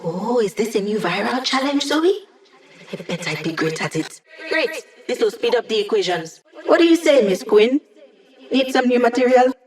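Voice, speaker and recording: A woman's voice: fairly high pitch, big pitch swings, normal speed. A woman playing a quirky, upbeat young female AI hacker in a video game, with a playful, wry, conversational delivery. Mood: playful, teasing. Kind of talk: scripted video game character dialogue.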